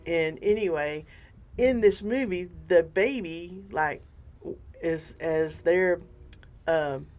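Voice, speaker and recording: An older woman co-hosting a casual faith discussion, animated and rambling, often restarting her sentences. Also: fairly low pitch, takes it slowly. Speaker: podcast co-host.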